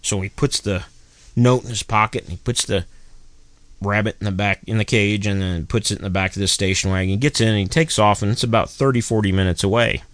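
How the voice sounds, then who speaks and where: Folksy low-voiced man telling a joke. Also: fairly quick, fairly bright tone, no room sound. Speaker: co-host. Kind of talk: casual storytelling chat.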